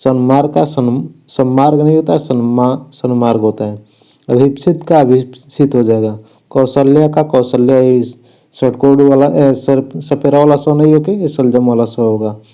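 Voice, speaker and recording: An exam coach walks students through spelling and sentence corrections, saying "theek hai" after each point. He has a mid-range, dark voice and a measured pace.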